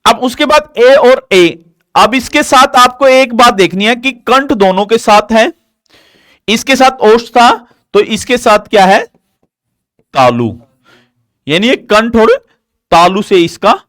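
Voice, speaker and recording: A live online grammar lesson is led by a man, heard in clean studio sound with no room ambience. His approach is drilling: he poses questions and answers them himself, explaining step by step at a slow, deliberate pace with an animated pitch.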